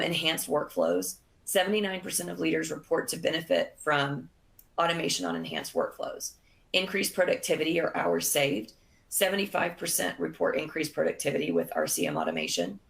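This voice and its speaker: Gravelly low-voiced woman presenting a webinar. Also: expressive, a bit bright. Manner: measured, frequent fillers. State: losing her voice. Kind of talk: scripted business presentation.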